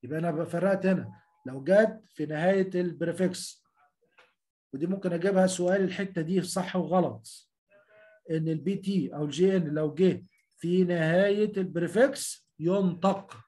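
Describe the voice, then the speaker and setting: A man's voice: high-pitched, normal speed, dark tone. A man with an Egyptian Arabic accent giving a lecture on medical terminology, drilling pronunciation syllable by syllable and often calling out to his class. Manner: repetitive, addresses students as a group, drills pronunciation syllable by syllable. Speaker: university lecturer.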